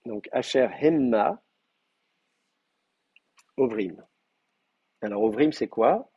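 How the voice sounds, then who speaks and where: A man's voice: mid-range voice, animated, measured pace, creaky, mellow, slightly rough, dry recording, highs cut off. A man teaching an advanced class in a live lecture, explaining patiently with frequent hesitations and fillers. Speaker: Hebrew teacher.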